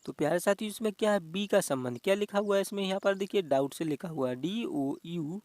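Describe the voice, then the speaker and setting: A man's voice: high-pitched, animated, fast talker, a little mellow, no room sound. A man teaching an exam-prep reasoning lesson. He talks in a repetitive, coaxing way and keeps addressing the viewers as dear friends.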